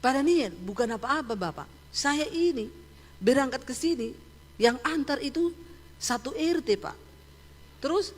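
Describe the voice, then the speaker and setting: A woman's voice: high voice, a little mellow, voice pushed up. A woman voicing a proud, indignant middle-aged man who talks in an insistent, defiant way. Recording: echoey hall.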